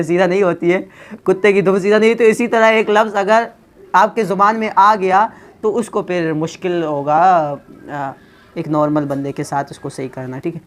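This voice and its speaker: In a relaxed video lesson, a high-voiced man teaches English pronunciation, teasing and joking with his viewers while slipping English phrases into his explanations.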